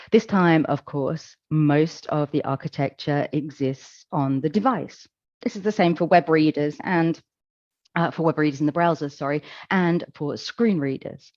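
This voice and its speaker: A woman giving a conference presentation, explaining in a measured, calm way with occasional fillers. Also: deep voice, dry recording, highs cut off. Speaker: conference speaker. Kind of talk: presentation talk.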